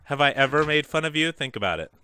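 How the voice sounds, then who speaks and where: A young man hosting casual gameplay commentary, joking and laughing often, with excitable bursts. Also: on the high side, fast talker, slight background noise. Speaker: gaming channel host.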